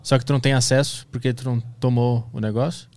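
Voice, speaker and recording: A man hosting a casual podcast conversation. He asks questions in a halting way, stumbling and restarting as he goes. His voice sits at a middle pitch. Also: little pitch movement, darkish tone. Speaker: podcast host. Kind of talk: casual interview chat.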